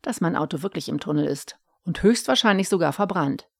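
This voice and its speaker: A sly, sheepish middle-aged husband, voiced by a woman narrator, talking in a hasty, coaxing way. The delivery sits a touch higher and louder than her plain narration. The recording is close and dry. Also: expressive, a little fast, vocal fry, dry recording. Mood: wheedling.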